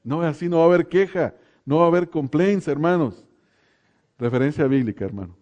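A middle-aged male pastor preaches to his congregation, folksy and joking as he calls on them by name. His voice sits a little on the high side for a man. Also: fairly quick, darkish tone, lo-fi sound. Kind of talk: sermon.

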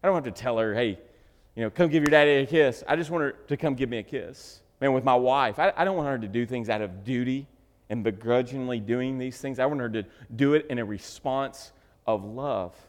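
A man preaching a sermon, joking with the congregation and swinging from loud bursts to hushed asides. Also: medium pitch, fairly quick. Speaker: pastor. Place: church sanctuary. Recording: reverberant hall.

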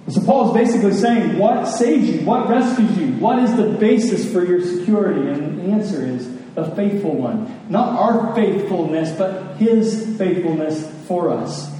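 A preacher teaches scripture to his congregation in earnest, using rhetorical questions and repeated phrases for emphasis. His slightly high voice has a soft, mellow tone. The mic sits at a distance in a large, very echoey hall, with faint noise.

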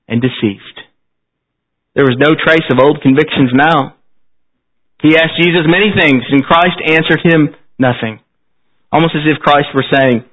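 A man preaching at a pulpit microphone in a church service, solemn and exhortatory, using repetition and pointed phrasing. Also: on the high side. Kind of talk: sermon at a pulpit microphone, closing in prayer. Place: church service, speaking to a congregation. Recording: slightly dull, band-limited sermon recording.

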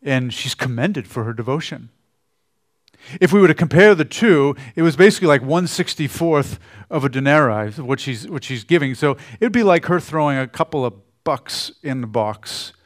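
A man preaching a sermon in a conversational way, often trailing off softly at the ends of phrases. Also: medium pitch, animated, normal speed. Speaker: pastor.

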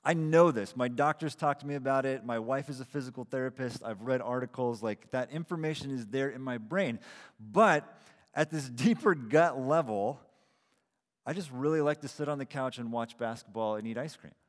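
A man around forty, speaking at medium pitch and normal speed, preaches a casual, self-deprecating sermon as a pastor. He keeps restarting his sentences in a conversational way. Long hall reverb trails his voice.

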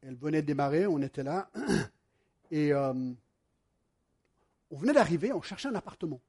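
A man delivers a sermon from home. His voice is high and a little husky. He shifts into lively storytelling and talks directly to his listeners. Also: normal speed. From United States. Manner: animated storytelling, addresses the congregation directly. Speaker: pastor.

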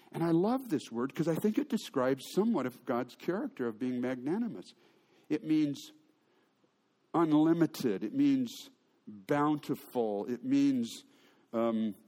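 A man's voice: medium pitch, lively intonation, slow, warm tone. A man preaching a sermon, telling stories with humor and often restarting his sentences. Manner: storytelling with humor and frequent restarts. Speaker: pastor.

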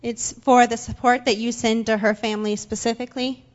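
A woman's voice: a little high, little pitch movement, a little fast, muffled recording. A young woman interpreting into English for a guest in a church, slightly hesitant with fillers. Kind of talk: consecutive interpreting. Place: church sanctuary.

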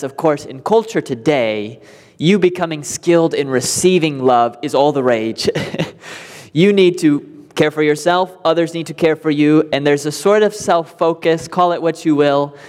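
A man's voice: a little high, moderate pace, darkish tone, long reverb tail. A male pastor preaching a sermon in a conversational way, with light laughs between points.

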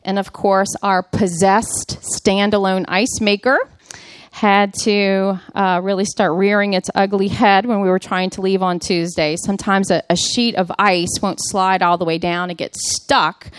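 A woman's voice: medium pitch, level tone, unhurried, clean tone. A woman in her thirties giving a personal devotional talk to a mothers' group, telling a story with humor in a chatty way.

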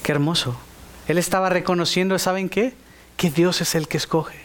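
Brief: male preacher, high voice, emphatic sermon delivery, asks the congregation questions. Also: steady tone, normal speed. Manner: emphatic, rising to high exclamations; speaks directly to the congregation with questions.

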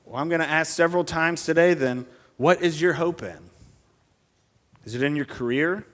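A man's voice: fairly high pitch, normal speed, a bit bright, in a large hall. A man preaching an expository sermon at a pulpit microphone in a church, speaking earnestly and asking the congregation many rhetorical questions.

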